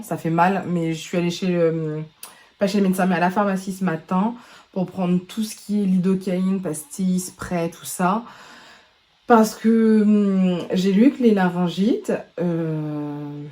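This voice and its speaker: A woman beauty vlogger, hoarse from a sore throat, chatting casually to camera at home with lots of hesitations. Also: lowish voice, measured pace, warm tone. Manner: chatty, rambling, many hesitations. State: hoarse from laryngitis. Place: at home indoors.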